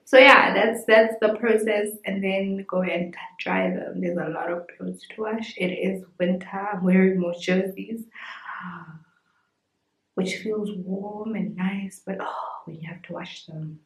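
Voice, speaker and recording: Relaxed young woman vlogging slowly. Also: mid-range voice. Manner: relaxed, explaining step by step. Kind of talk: casual vlog talk. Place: small home bedroom, indoors. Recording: roomy indoor sound. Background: music playing behind.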